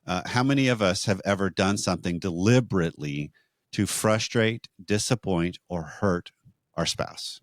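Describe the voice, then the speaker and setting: A man co-hosting a marriage podcast, teaching in a measured, explanatory way with rhetorical questions. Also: low-pitched, no echo, studio quality.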